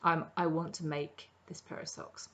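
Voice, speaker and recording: Here a middle-aged woman, low-pitched and a bit bright with a level tone, speaks at normal speed. She's in her kitchen at home hosting a crafting podcast, casually rambling about her projects in a show-and-tell sprinkled with ums.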